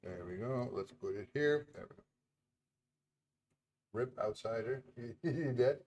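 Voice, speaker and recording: Speaking slowly in a mid-range voice with a darkish tone, a Dutch indie game developer chats on stream as he builds his game, frequently laughing and muttering under his breath.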